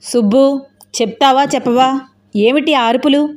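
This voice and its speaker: A woman's voice: high-pitched, normal speed, darkish tone, pitched above the performer's own voice, lightly acted. A woman voicing an indignant, protective young man in an audio novel, speaking with pressing, demanding questions.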